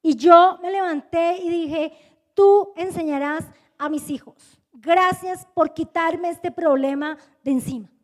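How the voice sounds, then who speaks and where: A woman's voice: very high voice, slow pace, big-room sound. A middle-aged woman pastor, preaching a sermon and telling a personal story, acting out dialogue in shifting voices. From Colombia. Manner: animated, acts out dialogue with changing voices. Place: church.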